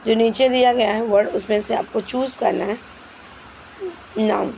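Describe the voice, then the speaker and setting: A woman's voice: a little high, steady tone, creaky, a little mellow, slight background noise, low-quality recording. A woman teacher explaining English grammar questions in Hindi, stepping through each answer and often checking with "ठीक है". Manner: reads English questions slowly and carefully.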